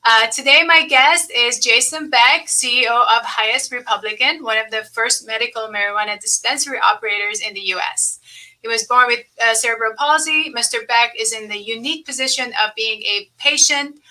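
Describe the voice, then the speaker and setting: A woman's voice: on the high side, fairly quick, bright, forceful tone, poor audio. A middle-aged woman from Lebanon hosting a podcast interview, talking casually with many fillers and restarts. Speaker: podcast host.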